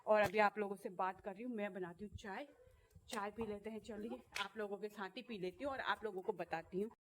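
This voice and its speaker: A woman's voice: medium pitch, fairly even intonation, brisk, slight background noise. A woman vlogging casually to her viewers, chatty and playful, rambling from topic to topic outdoors at her home garden.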